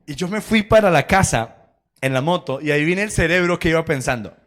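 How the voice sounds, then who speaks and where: A man's voice: on the high side, lively intonation, a little fast, fairly bright tone. A man preaching a sermon in a church, telling personal stories with acted quotes and laughter. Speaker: pastor.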